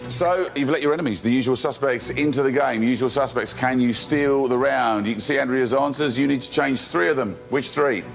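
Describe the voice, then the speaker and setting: A man hosting a studio quiz show, steady in pitch and quick to joke with his players. He chuckles between questions, and a faint bed of show music sits under his voice. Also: creaky. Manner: brisk, jokey, chuckles between lines.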